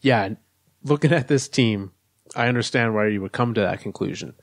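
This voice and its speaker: A man's voice: medium pitch, moderate pace, no room sound, studio quality. A man co-hosting a casual sports podcast, laying out his arguments step by step. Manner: analytical, lays out arguments step by step. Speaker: podcast co-host.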